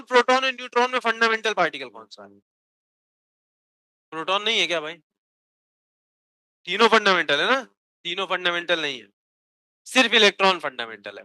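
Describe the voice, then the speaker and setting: A man gives a physics lecture in a high, crisp, resonant voice. He quizzes the class and answers his own questions, and at times dictates notes word by word. The sound is dry and close. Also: bright, forceful tone, no echo, poor audio. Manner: asks students questions and answers them himself. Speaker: physics teacher.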